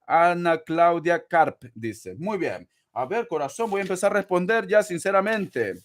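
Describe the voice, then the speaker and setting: A man's voice: high-pitched, expressive, unhurried. A man in his forties, a tarot reader on a live stream, reading out viewer donations in a theatrical, gushing way and calling them sweetheart. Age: 40s.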